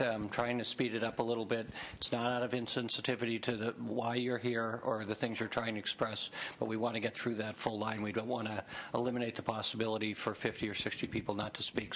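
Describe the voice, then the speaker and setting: A man chairing a public hearing, directing speakers in a measured, polite, procedural way. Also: mid-range voice, fairly bright tone, a little hiss or hum, poor audio. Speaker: committee chair.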